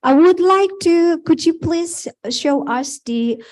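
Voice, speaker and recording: A woman's voice: extremely high pitch, lively intonation, takes it slowly. A woman moderating an online meeting, polite and hesitant, often laughing. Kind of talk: hosting a video call meeting.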